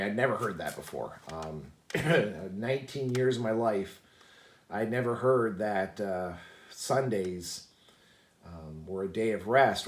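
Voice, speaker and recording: Rambling man telling a story, echoey room. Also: lowish voice. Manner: rambling, many fillers and restarts. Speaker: channel host. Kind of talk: casual storytelling vlog.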